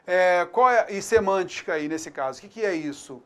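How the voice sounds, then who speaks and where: A man with a Brazilian accent teaching an online grammar lesson, chatty, checking in with students often and slowing down to spell out example words. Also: high voice, expressive, smooth. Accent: Brazilian Portuguese. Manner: chatty, repeats tag questions to students. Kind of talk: online exam-prep lesson.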